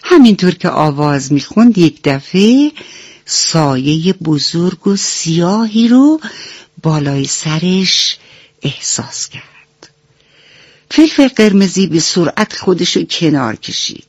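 Speaking tenderly to the children as her dear ones, a woman reads a bedtime story on the radio in a lowish, darkish voice with big pitch swings. The radio studio recording is dull and dry, with no room sound.

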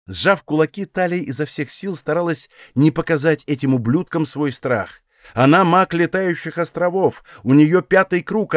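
A man reads a fantasy audiobook in a steady storytelling voice that sits a little high. The recording is dry and close, with no room sound. He keeps a measured reading pace. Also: no echo. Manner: even storytelling, acts out dialogue. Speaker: audiobook narrator.

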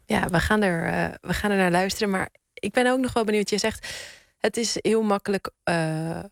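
A woman hosting a radio interview, asking the guest curious, gently probing questions in a studio. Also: medium pitch, moderate pace, gravelly, dry recording. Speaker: radio host.

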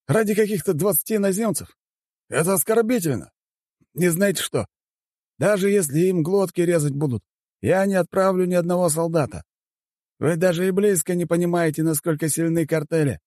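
A man's voice: high voice, moderate pace, pauses often, no room sound, studio quality, voice pushed up, lightly acted. A man voicing an arrogant, scornful male head of state in an audiobook, mocking and dismissive. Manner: mocking, dismissive, shouting at times. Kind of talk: audiobook character voice.

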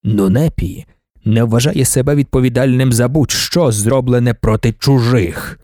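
A man voicing an ancient, imperious male god-emperor in an audiobook, speaking in a slow, measured, commanding way. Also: mid-range voice, a little mellow, dry recording, studio quality, voice pushed down, close to an everyday voice. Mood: lecturing. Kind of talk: audiobook character voice.

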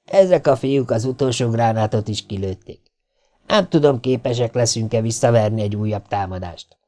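A man reading the lines of a grim, worried male military officer in an audiobook, in a quiet, sober delivery. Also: mid-range voice, lightly acted.

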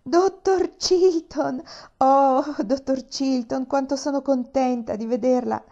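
Woman putting on a bright-eyed excited little girl, pitch pushed up and loud, dull lo-fi sound. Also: normal speed. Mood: overjoyed. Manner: excited, exclamatory. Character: cheerful young girl, eager and bubbly. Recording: dull lo-fi recording.

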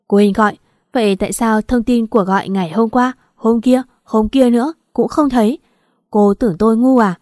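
A woman's voice: a little high, normal speed, warm tone, no echo, natural voice. A woman voicing a cold, furious husband who scolds harshly, in a dry close recording. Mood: angry.

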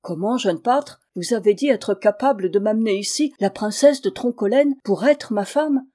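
A woman's voice: medium pitch, normal speed, dark tone, natural voice. A woman reading aloud and voicing a stern king who gives commands in a raised voice.

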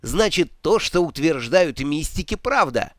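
A man's voice: fairly high pitch, very animated, a little slow, fairly bright tone, no echo, studio quality. A man voicing a jittery cowardly male wizard who protests indignantly in a raised voice.

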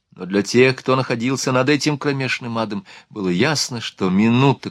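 A man narrating an audiobook in a steady, expressive reading. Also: medium pitch, no room sound, clean studio sound. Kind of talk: scripted narration.

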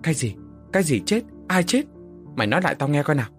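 A man's voice: medium pitch, very animated, normal speed, faint music behind, natural voice. A man voicing a young eldest son who works the fields, anxious and then shocked by grief. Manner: shocked, anguished.

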